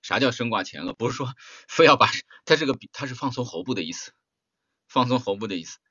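Blunt, lively male voice-acting teacher. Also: mid-range voice, quick pace, no room sound, lo-fi sound. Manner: blunt, emphatic, full of rhetorical questions. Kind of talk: spoken workshop lecture.

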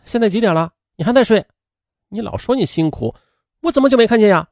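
A man's voice: sits high, expressive, fast, a little mellow, no room sound, studio quality, voice pushed up. A man voicing a dismissive young woman who mocks and snaps at the nanny. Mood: mocking. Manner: mocking, dismissive. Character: sharp-tongued young woman, the employer's sister.

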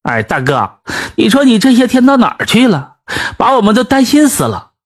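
Brief: man playing an outspoken old neighbor woman in a folk tale, husky and frank. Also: high voice, big pitch swings, a little slow, voice pushed up, heavily acted. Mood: scolding. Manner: outspoken, scolding. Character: kind, blunt old village woman neighbor.

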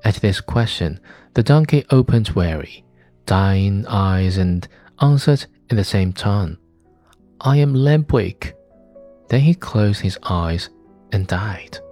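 A man calmly reading a classic storybook aloud as narrator. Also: deep voice, takes it slowly, soft background music.

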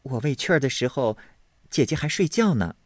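A man voicing a quick, clever young maidservant, eager and deferential in a storybook reading. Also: mid-range voice, very animated, no room sound, studio quality, pitched above the performer's own voice. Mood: retorting.

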